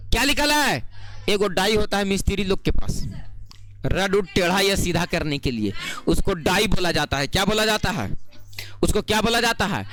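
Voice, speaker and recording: Bright high-voiced Bihari Hindi teacher. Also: male voice. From Bihar, India. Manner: call-and-response questioning, sing-song, chatty. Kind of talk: classroom lecture.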